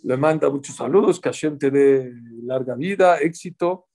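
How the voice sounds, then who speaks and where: A man teaching a religious class in an animated way, telling stories and asking his listeners questions. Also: a little high, moderate pace. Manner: animated, asks the audience questions.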